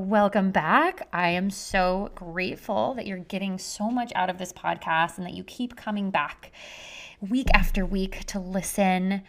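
A woman hosting her own podcast from her living room, talking casually and gushing, with many "like" fillers. Her voice is muffled because she is recording under a blanket. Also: mid-range voice. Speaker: podcast host and health coach. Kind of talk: casual solo podcast monologue. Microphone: podcast mic under a blanket.

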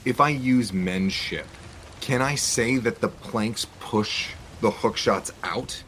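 A man's voice: lowish voice, slow, fairly bright tone, a little hiss or hum. A man playing a tabletop game, eagerly asking about the rules and describing his moves. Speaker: player. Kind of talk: casual tabletop play.

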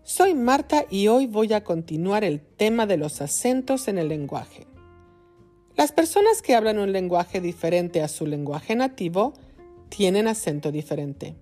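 Slow, lively Mexican woman host. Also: medium pitch, soft background music. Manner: slow, clearly spoken, lively intonation. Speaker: podcast host. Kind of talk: slow scripted lesson for Spanish learners.

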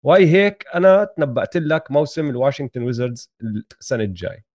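A man's voice: on the high side, animated, fast, darkish tone. A man with a Palestinian-Jordanian Levantine Arabic accent talking casually as co-host of a sports show.

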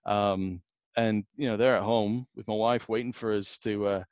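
A man's voice: on the low side, fairly even intonation, moderate pace, a little mellow, clean tone, no echo, muffled recording. A man, rambling through a casual podcast anecdote with many fillers. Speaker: podcast guest.

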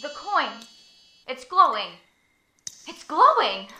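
A woman's voice: sits high, takes it slowly, a little hiss or hum, exaggerated voice. A woman playing a scrappy, whiny orphan boy. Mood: exasperated. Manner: whiny, excitable. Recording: echoey room.

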